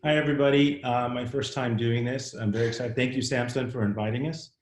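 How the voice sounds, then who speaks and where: A man begins his introduction with eager, slightly hesitant energy, speaking on a flat, even pitch. The echoey room carries around his voice over the call. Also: fast talker. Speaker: doctor who works with children. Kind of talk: self-introduction on a webinar.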